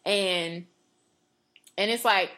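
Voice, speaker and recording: With a mid-range voice that sounds pushed and bright, she draws out her words. The late-twenties woman co-hosts a podcast, speaking earnestly and at length about her faith in a casual, rambling way with frequent "like," fillers, and restarts.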